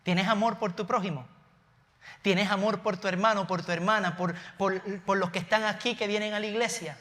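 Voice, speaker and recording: This sermon comes from a Puerto Rican pastor on a church stage who has a Puerto Rican Spanish accent. His high voice is bright and forceful with fairly even intonation, and a long hall reverb follows each phrase. He blends sincere points with casual asides and fast self-corrections.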